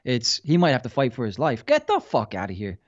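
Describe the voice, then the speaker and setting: A man's voice: medium pitch, huge pitch swings, a little fast, dull audio. A man co-hosting a podcast, venting in casual sports chat with exasperated rhetorical questions and heavy swearing. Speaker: podcast co-host.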